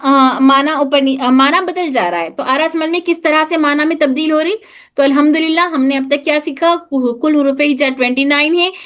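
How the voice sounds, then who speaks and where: A woman teaching an online tajweed class, explaining slowly, repeating sounds for students to copy and dropping English terms into her explanations. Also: sits high, a bit bright. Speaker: Quran recitation teacher.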